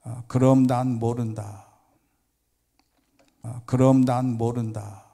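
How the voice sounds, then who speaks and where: Man voicing God, calm, testing, measured, mellow tone. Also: medium pitch, vocal fry. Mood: calm stern.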